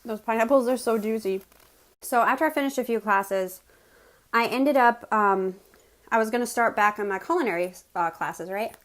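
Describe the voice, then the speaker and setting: A woman from West Virginia with an American accent tells personal stories in a casual, chatty way to viewers, pausing to chew as she eats. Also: medium pitch, a bit bright. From West Virginia, United States. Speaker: mukbang host telling personal stories.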